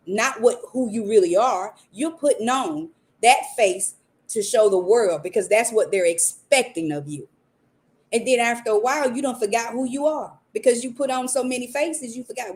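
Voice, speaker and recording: An earnest woman with a somewhat high voice, talking through a faith-based motivational message as a podcast host. She speaks like a preacher, circling back and repeating her points to drive them home. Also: a little mellow.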